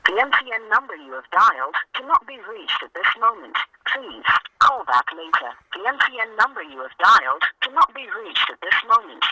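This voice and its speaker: An automated recorded phone message announcing, in a slow, measured way, that a call cannot be completed. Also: medium pitch, sing-song. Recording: phone call with clear line noise.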